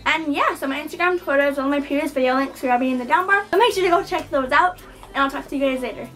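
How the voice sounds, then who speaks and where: A woman's voice: high-pitched, fast talker, fairly bright tone. A young woman vlogger chatting casually to camera, with a slight lisp from wearing a retainer. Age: teens to young adult. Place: small bedroom indoors.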